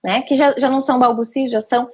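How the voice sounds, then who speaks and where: A woman's voice: high-pitched, steady tone, fast, breathy edge. A woman hosting a live stream, reading viewer questions aloud and affirming her guest. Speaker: live host.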